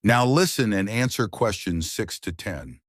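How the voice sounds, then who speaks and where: A man's voice: on the low side, animated, measured pace, no echo, studio quality. A man reading formal, scripted test instructions as an exam announcer.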